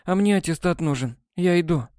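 A man's voice: high voice, animated, fairly quick, a little mellow, smooth, dry recording, clean studio sound, voice pushed up. A man doing a coy, teasing schoolgirl. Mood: offhand.

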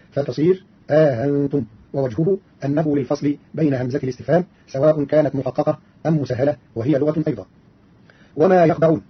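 Male presenter, fast and raspy, formal point-by-point delivery, slightly high voice. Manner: formal, didactic, enumerating points. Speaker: radio presenter explaining readings. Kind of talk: formal scripted explanation. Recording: dull lo-fi archive radio recording.

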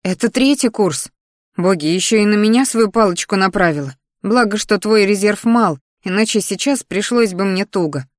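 A woman's voice: medium pitch, moderate pace, dry recording, clean studio sound, natural voice. A woman voicing a cheerful, bossy young female student roommate in a fantasy audiobook, talking eagerly and emphatically. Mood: lively, bossy.

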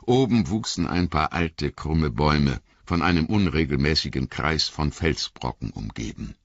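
Deep husky guy reading a story, slow, dry dull sound. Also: expressive, no echo. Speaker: audiobook narrator. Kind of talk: scripted narration.

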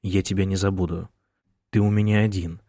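A man reading the part of a desperate young male prisoner in an audiobook, speaking in hushed, urgent pleas. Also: sits low, little pitch movement, brisk, no room sound, studio quality. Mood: pleading.

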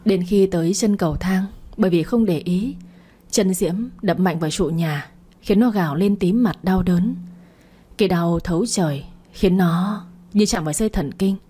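Low husky woman narrating a drama. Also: moderate pace, dark tone.

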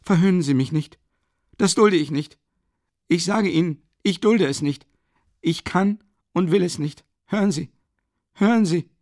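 A desperate young student in a blind rage, as an audiobook reader puts him on, his voice climbing high and loud as he rails and refuses to be mocked. The delivery is dry and close. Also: a little slow, long pauses, no echo. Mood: enraged. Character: furious young male student, desperate and defiant.

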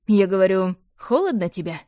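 A woman's voice: medium pitch, sing-song, normal speed, dark tone, dry recording, lightly acted. Woman voicing a teasing young man, playful and cocky, dry close sound.

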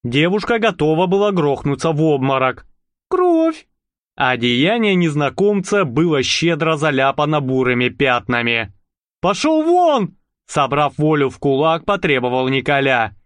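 A man narrating a story in an expressive, dramatic reading. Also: on the high side, normal speed, hardly any pauses, no room sound, clean studio sound. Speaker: audiobook narrator.

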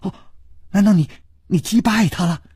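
A man's voice: lowish voice, very animated, fast talker, darkish tone, husky, no echo. A man doing a coy young princess. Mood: teasing. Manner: coy, teasing. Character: playful, coquettish young princess.

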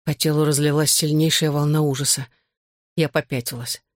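Female audiobook narrator, measured tense first-person reading, dry close sound. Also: low-pitched, little pitch movement, dry recording.

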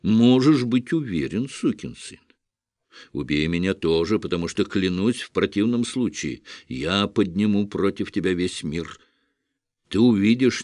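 A man's voice: low voice, darkish tone, no echo, studio quality. Poet, male, scared but defiant, blustering, teeth chattering, read by a man.

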